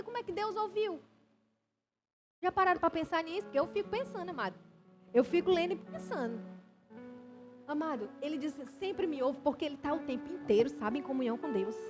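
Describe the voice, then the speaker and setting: A woman preacher with a high, bright voice delivers a lively, conversational sermon in a church. Music plays clearly beneath her words.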